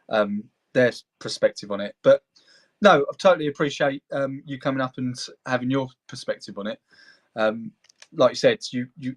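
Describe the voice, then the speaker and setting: Male host for informal group chat, average pitch, halting and self-deprecating delivery. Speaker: host of a live audio chat. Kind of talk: casual chat. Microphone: phone.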